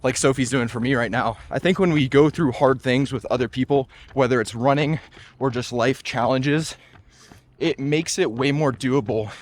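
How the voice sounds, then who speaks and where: A young man in his twenties, chatting casually and upbeat while running outdoors and sometimes getting out of breath. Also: medium pitch. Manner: upbeat, chatty, lots of "like" and "just". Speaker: running vlogger. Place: outdoors on a trail.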